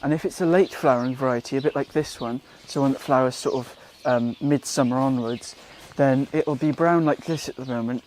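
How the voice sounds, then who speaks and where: A young man from Wales giving a relaxed, chatty gardening how-to outdoors, with frequent ums and self-corrections. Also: mid-range voice, fairly quick, hardly any pauses, slight background noise. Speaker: gardening vlogger. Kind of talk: casual how-to vlog.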